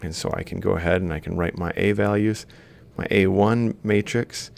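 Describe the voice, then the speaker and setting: Speaking at a normal pace with vocal fry, a university lecturer gives a screen-capture lesson in a deep, darkish, steady voice. He thinks aloud while writing, laying things out step by step and calling out values piece by piece.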